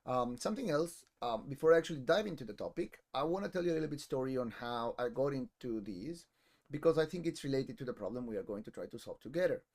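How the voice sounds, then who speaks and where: A man's voice: mid-range voice, animated, fast talker, a little mellow. Man telling a story in a talk. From Argentina. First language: Spanish. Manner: casual storytelling with frequent ums and restarts. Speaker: conference speaker. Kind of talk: conference talk.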